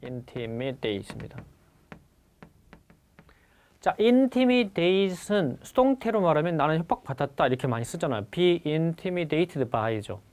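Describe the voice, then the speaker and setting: A man teaching English vocabulary for civil service exams in a recorded lecture, repeating key words slowly and addressing his students. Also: fairly high pitch, lively intonation. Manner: stresses the English words, then lets the Korean explanation trail off quietly.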